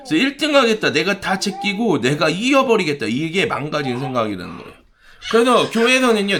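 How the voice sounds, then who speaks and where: A male pastor preaching a sermon in an animated, dramatic way, acting out voices. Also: high voice.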